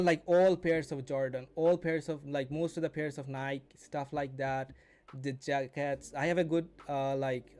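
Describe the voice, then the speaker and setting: This twenty-something host runs a casual day trading live stream, mentoring and chatting with his viewers and frequently repeating and rephrasing. He has a slightly high voice with a darkish tone.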